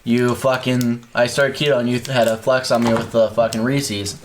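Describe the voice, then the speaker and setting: A man's voice: medium pitch, flat delivery, moderate pace, noisy background. Crude, joking young man. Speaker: podcast co-host. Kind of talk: casual chat.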